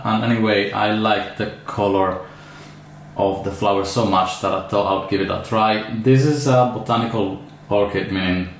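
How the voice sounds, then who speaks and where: A man's voice: lowish voice, creaky. A man with an Italian accent, an orchid grower chatting casually through an unboxing, hesitant with many fillers and restarts. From Italy. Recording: echoey room with faint ambient noise.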